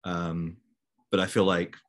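Young male guest, low voice, rambling easy chat, video call. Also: flat delivery, slow pace. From Belgium. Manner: chatty, many fillers. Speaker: interview guest. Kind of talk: casual conversation.

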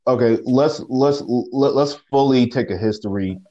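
A man co-hosting a sports podcast over a phone line, talking casually with halting restarts and slang. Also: mid-range voice, mellow. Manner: halting, repeats words, slangy. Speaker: podcast co-host.

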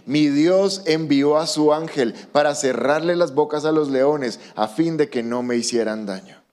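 A man preaching a sermon as pastor, animated and acting out quoted voices. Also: fairly high pitch, measured pace.

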